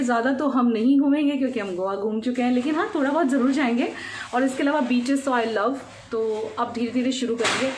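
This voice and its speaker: A woman's voice: high voice, slight background noise. A woman in her thirties chatting casually to the camera as a daily vlogger, mixing English words into her Hindi. She speaks into a handheld phone, first indoors at a resort and then outdoors on a scooter ride. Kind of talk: casual vlog narration to camera.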